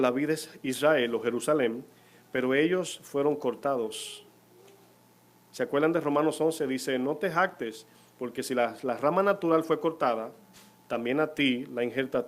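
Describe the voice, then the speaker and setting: A man preaching a sermon in church, putting questions to the congregation as he goes. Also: medium pitch. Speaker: pastor.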